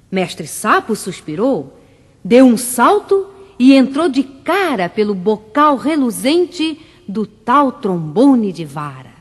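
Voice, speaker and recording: A woman reading a rhymed children's story for radio in a slow, sing-song way. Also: fairly high pitch, breathy edge, in a large hall.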